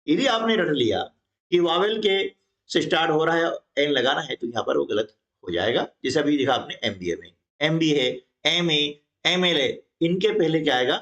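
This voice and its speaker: Lively male teacher. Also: fairly high pitch, normal speed. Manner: explanatory, repeats checks like "है ना". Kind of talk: exam-prep grammar lesson.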